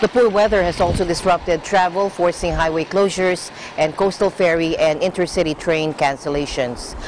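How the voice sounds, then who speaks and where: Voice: mid-range voice, steady tone, normal speed, slight background noise, poor audio. A news anchor delivering scripted international news narration.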